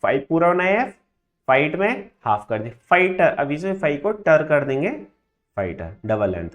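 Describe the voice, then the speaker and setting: A man with a somewhat high voice teaches a shorthand class. He drills example words aloud, saying each one slowly and more than once. He keeps stopping to ask his students whether they have understood. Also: big pitch swings. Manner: drills words by repeating them slowly, checks understanding with frequent tag questions. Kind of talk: classroom lesson.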